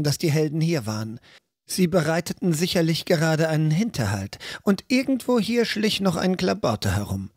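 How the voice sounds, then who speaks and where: A man narrating a fantasy fan audiobook in a measured storytelling manner. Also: fairly high pitch, dry recording, studio quality.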